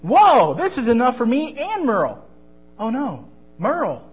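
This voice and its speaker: A wide-eyed young boy from a storybook, whiny when he is hungry and bouncy when he is happy, speaking in a raised voice, as a man acts him out. Soft music sits behind. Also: high voice, sing-song, moderate pace, slightly rough, voice pushed up, exaggerated voice. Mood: eager.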